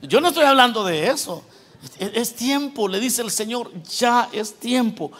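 A male pastor preaching a sermon, swinging between loud exhortation and quiet, joking asides to the congregation. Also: extremely high pitch, animated, measured pace, a little hiss or hum.

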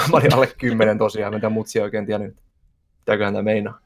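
Male podcast co-host, jokey, quick quips, casual chat. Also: fairly low pitch, fairly even intonation, darkish tone.

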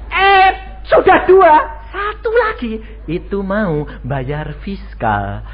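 Animated male pastor preaching. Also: a little high. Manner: animated storytelling, acting out dialogue voices. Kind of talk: sermon. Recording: dull lo-fi radio stream with faint noise.

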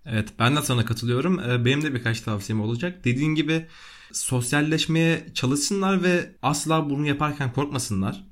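A man's voice: fairly high pitch, fairly quick. A man in his twenties chatting casually as a guest on a podcast. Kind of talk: casual chat.

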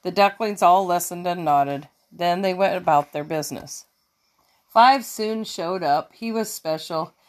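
A woman reading a children's picture book aloud, slow and expressive, now and then fixing a slipped word. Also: on the low side. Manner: slow, expressive storytelling with small self-corrections. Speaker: children's story reader.

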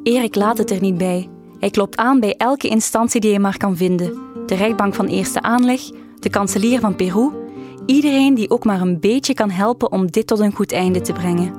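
A woman giving a documentary's scripted narration in a calm, even storytelling manner. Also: mid-range voice, moderate pace. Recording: voice-over with clear guitar music behind.

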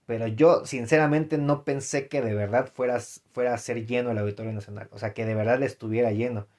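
A man's voice: mid-range voice, fairly even intonation, brisk, a little mellow. A young adult man with a Mexican accent talking casually on his podcast, rambling with many fillers, restarts and slang. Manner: rambling, frequent fillers and self-corrections, slangy. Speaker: podcast host. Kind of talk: casual solo podcast commentary.

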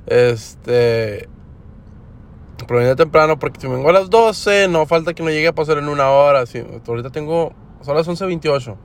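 A man's voice: fairly high pitch, moderate pace. A young man with a Mexican accent talking casually for his podcast, rambling with lots of slang and fillers. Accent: Mexican Spanish. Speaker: podcast host. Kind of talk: casual everyday monologue. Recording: faint background noise.

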